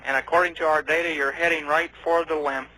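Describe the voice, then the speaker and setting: A man's voice: a little high, steady tone, quick pace. A male mission control communicator giving brief, procedural messages to astronauts over a space radio link. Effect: space radio transmission. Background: radio static and noise.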